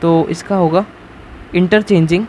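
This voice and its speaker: A man's voice: high voice, fairly even intonation, slow, a little mellow. A young man teaching a math lesson in a casual, chatty way, often checking in with his students. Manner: casual, chatty teaching with frequent "theek hai". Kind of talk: screen-recorded math lesson. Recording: faint background noise.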